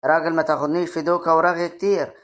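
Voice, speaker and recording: A man with an Egyptian accent acting in a comic drama, talking briskly and doubtfully. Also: fairly high pitch, flat delivery, fairly bright tone. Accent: Egyptian Arabic. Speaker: lead character and creator of the web series.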